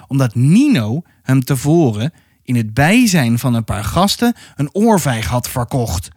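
A man reading a children's book aloud, narrating calmly and expressively. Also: on the high side, no room sound, clean studio sound. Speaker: storyteller.

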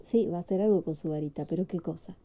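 Mujer leyendo un cuento infantil. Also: female voice, lowish voice, fast talker, very noisy. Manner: patient, quizzing the child. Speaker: storyteller reading to a child. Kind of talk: picture book read aloud. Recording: slightly dull lo-fi.

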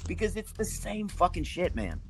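Brief: outspoken male podcast co-host, animated pitch, swears casually. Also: normal speed, soft background music. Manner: opinionated, swearing, emphatic. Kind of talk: casual chat.

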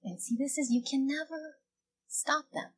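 A woman's voice: sits high, steady tone, moderate pace, low-quality recording. A woman from El Salvador, a podcaster guest, chatting casually and rambling with many fillers and restarts.

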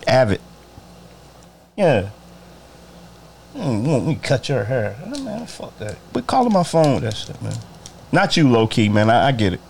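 A man who cuts hair talks casually and bluntly to viewers on a livestream, cursing freely and greeting them by name. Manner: profane, blunt, talks to viewers directly, swings between loud and low. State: bothered by allergies. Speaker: barber livestreaming to followers.

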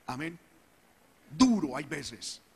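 Preaching pastor in a reverberant church. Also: male voice, a little high, very animated, slow, gravelly, breathy edge. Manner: preaching with rising fervor, acting out the people's whining. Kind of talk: sermon.

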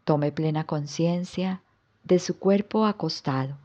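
Slow, low-voiced woman guiding relaxation. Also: dull audio. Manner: slow, soft, calm guiding instructions. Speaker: yoga instructor. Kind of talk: guided yoga nidra relaxation.

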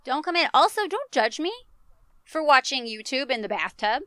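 A woman's voice: high voice, big pitch swings, moderate pace, bright, forceful tone, no echo. A woman co-hosting a podcast in casual, joking chat, swearing freely, recorded inside a small closet at home. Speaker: podcast co-host.

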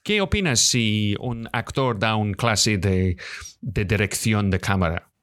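A man with a very deep voice co-hosting a live chat about acting and voice work. He answers viewers' questions in a halting way, leaning on "sabes?" and using slightly off phrasing. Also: animated, fairly bright tone. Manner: halting, frequent "sabes?" fillers, slightly non-native phrasing. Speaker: co-host and voice actor.

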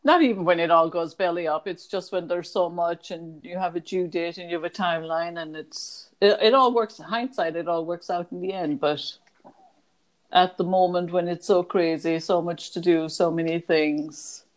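A woman with a Kerry accent from the west of Ireland, her voice sitting a little low. She chats casually and reminisces as she answers questions, in an easy conversational flow. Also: normal speed. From County Kerry, Ireland. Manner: chatty, frequently breaking into laughter. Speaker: interviewee.

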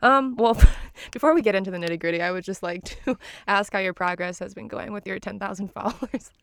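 A woman's voice: medium pitch, brisk, fairly bright tone, no room sound. A woman co-hosting a podcast in casual chat, teasing her partner and laughing a lot. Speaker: podcast co-host.

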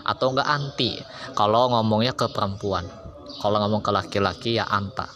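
A man preaching an Islamic lesson, explaining slowly with chatty asides. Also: lowish voice, steady tone, a bit bright. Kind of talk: casual sermon. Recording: music behind. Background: music.

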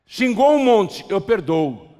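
A man's voice: sits high, sing-song, slow pace, dark tone. A man preaching a sermon, joking and acting out a street scene with a volunteer. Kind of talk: sermon with live role-play. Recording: long hall reverb.

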